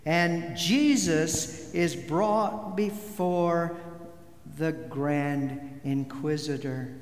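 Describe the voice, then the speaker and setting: A male pastor delivers his sermon at an unhurried pace, pressing emphatic words. His slightly raised voice carries through a roomy sanctuary with a long, lingering reverb. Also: on the high side. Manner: slow, deliberate preaching with emphatic stresses. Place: church sanctuary. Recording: echoey hall with long reverb.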